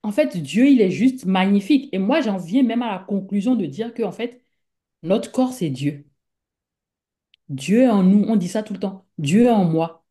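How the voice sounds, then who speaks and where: Talking conversationally as a guest speaker, an African woman uses a warm, medium-pitched voice with lively intonation at a moderate pace. She rambles, repeating words and leaning on fillers, and voices her inner thoughts as small quoted speeches.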